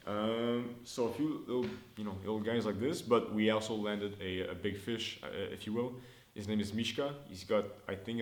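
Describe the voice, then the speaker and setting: Speaking into his own camera in an indoor room with a noticeable echo, a young Montreal startup founder gives a casual business vlog update. He is in his early twenties, a native French speaker, and talks in a fairly low, chatty, upbeat voice while thinking aloud and restarting his sentences.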